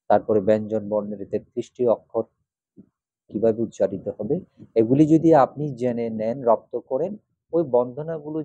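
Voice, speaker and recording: A man, a Buddhist monk, gives a spoken lesson on Pali pronunciation, slowly spelling out syllables one by one. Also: mid-range voice, slightly rough, no room sound. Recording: dry, tinny phone-like sound.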